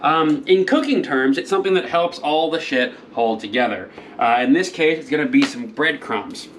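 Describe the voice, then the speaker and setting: A man hosting a cooking demonstration, rambling through crude deadpan jokes and slurring a little from drinking. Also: on the high side, normal speed, slight background noise. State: a little tipsy, slurring slightly. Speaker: cooking show host.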